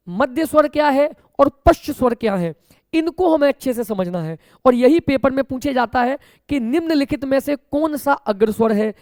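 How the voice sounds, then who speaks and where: A man's voice: very high voice, no room sound, studio quality. A male teacher giving an exam-coaching grammar lesson, explaining patiently step by step and often calling his students children.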